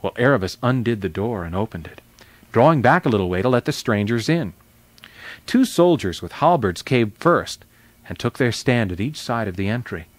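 Expressive male storyteller on children's radio. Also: mid-range voice, normal speed, no echo. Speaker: children's radio show host. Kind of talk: reading a children's novel aloud.

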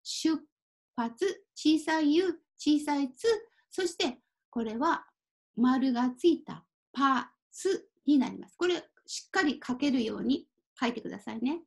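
Female language teacher, high voice, unhurried, careful delivery, slips into simple English to explain. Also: lively intonation, creaky. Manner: apologizes and laughs at her own typo. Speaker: Japanese teacher. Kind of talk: kanji reading lesson.

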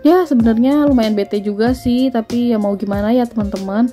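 A woman's voice: on the high side, a little fast, mellow, soft background music. A woman, chatting through a grocery haul voice-over and listing prices. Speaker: vlogger.

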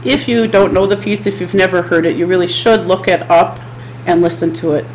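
A woman's voice: lowish voice, steady tone, fairly quick, a little hiss or hum, rough recording. A middle-aged woman giving a chapel sermon from a home office, speaking in an earnest, repetitive preaching cadence into a desk webcam. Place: home office with bookshelves, indoors.

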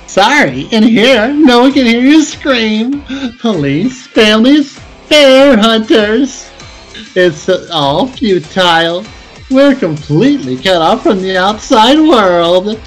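A woman's voice: fairly high pitch, very animated, slow pace, faint music behind, rough recording. Woman voicing a theatrical, mocking villain bear headmaster. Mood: gleeful taunting. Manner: theatrical, sarcastic mock politeness. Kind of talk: video game character dub in a let's play.

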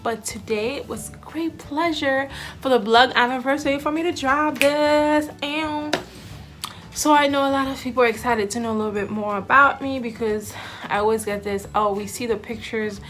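A woman's voice: on the high side, fairly bright tone. Chatty young woman vlogging to camera. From Haiti. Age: 20s. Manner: chatty, giggly, with many fillers. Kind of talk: casual introduction to camera. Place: indoors, small room with backdrop. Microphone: camera in front, head and shoulders.

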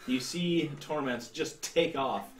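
A man's voice: on the high side, slow pace. A man in his thirties narrating a tabletop role-playing game as game master, explaining things somewhat hesitantly. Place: indoor room, seated at a table. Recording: roomy sound, distant mic.

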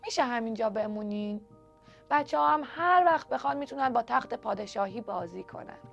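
A woman voicing a proud, bossy female mandarin fish in a children's storybook, with a shrill, screechy voice. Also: animated, gravelly, soft background music. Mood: wistful. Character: haughty shrieking female mandarin fish, would-be queen. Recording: dull lo-fi recording.

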